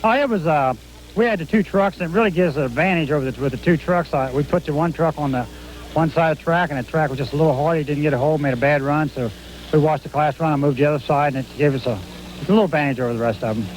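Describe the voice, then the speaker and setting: Fast, halting male truck puller. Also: a little high, slight background noise, poor audio. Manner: halting, repeats words. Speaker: competing truck puller, interviewee. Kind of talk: informal post-run interview.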